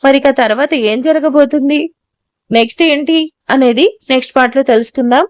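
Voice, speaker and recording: A woman narrating a scripted audio love story in a steady reading voice, recorded close to the mic. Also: high-pitched, brisk, dry recording. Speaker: voice-over narrator.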